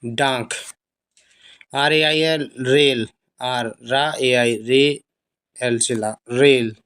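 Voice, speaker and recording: A man with a Hindi accent gives a phonics lesson at a very slow pace. He spells each word out letter by letter and repeats it patiently with its meaning. His voice sits at an ordinary middle pitch. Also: fairly bright tone. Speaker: English teacher.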